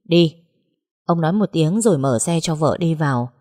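A woman narrating a dramatic family story in a steady, scripted way. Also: sits low, fairly quick.

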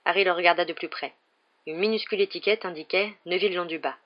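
An audiobook narrator reading a story in a steady, measured way. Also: medium pitch, highs cut off.

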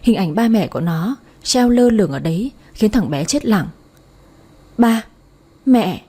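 A woman narrating a romance story for an audiobook in a soft, emotive storytelling manner. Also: medium pitch, animated, normal speed, breathy edge.

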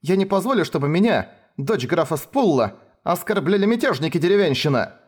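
A man reading a story, putting on a haughty young noblewoman, a count's daughter who is quick to anger. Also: lively intonation, lightly acted. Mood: furious. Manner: raised pitch, indignant and shrill when angry.

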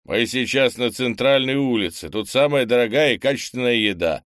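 A man's voice: medium pitch, expressive, moderate pace, fairly bright tone, no echo, clean studio sound, voice pushed up, natural voice. A man voicing a stingy, practical old grandfather who lectures his grandson with a grumble. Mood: lecturing. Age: older.

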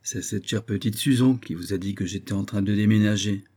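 A man reading an audiobook, voicing an excitable eccentric sleuth who talks theatrically, like a street hawker. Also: lowish voice, a little fast, husky. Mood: jovial. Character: excitable eccentric middle-aged male sleuth.

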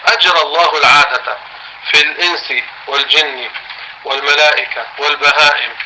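A Levantine-accented man teaching a religious class in a raised, very bright and piercing voice. He reads out a text slowly, then explains it plainly and questions his students. A faint hiss sits under his voice. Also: on the high side, poor audio. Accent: Levantine Arabic.

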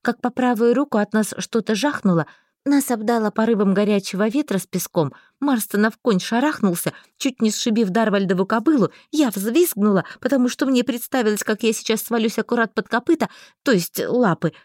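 A woman narrating a first-person fantasy novel in a lively storytelling manner. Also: fairly high pitch, a little fast, dry recording, studio quality. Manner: lively storytelling, voicing every figure. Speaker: audiobook narrator.

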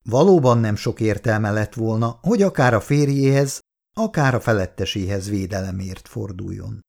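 A man narrating a story in a scripted reading, expressive in delivery. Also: lowish voice, vocal fry.

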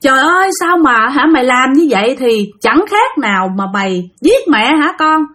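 A woman's voice: high voice, big pitch swings, normal speed, fairly bright tone. A woman voicing a distraught middle-aged mother who wails and pleads. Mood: pleading. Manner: wailing, pleading.

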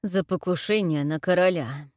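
A woman's voice: lowish voice, moderate pace, a little mellow, no echo, close to an everyday voice. A brutish, rude king growls his threats and scorn, as a woman reader puts him on. The sound is dry and close, like a storybook recording. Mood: growling.

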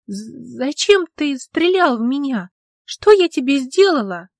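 A woman voicing a frightened, distrustful young woman who stammers and breaks into shrill outbursts. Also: fairly even intonation, moderate pace, dry recording, studio quality, natural voice. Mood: accusing.

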